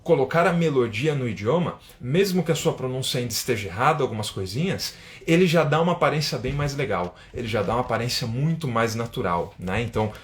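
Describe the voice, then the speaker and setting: A man's voice: medium pitch, expressive, quick pace, few pauses. A Brazilian man with a Brazilian Portuguese accent, an English teacher giving a live-stream lesson and reading viewer comments, tagging his sentences with a questioning "né?". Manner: chatty, keeps asking "né?", reads viewer comments aloud. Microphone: phone or webcam for an Instagram live.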